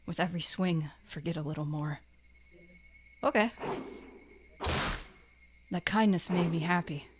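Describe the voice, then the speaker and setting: Anime boy voice by a female performer: lower-pitched, tormented teen protagonist of a visual novel, dramatic narration. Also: a little hiss or hum, natural voice.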